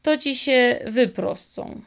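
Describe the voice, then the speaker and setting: A woman voicing a cunning old highland fiddler who speaks in a slow, drawling Podhale dialect. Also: animated, vocal fry, heavily acted. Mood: sly. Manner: slow, drawling folksy speech.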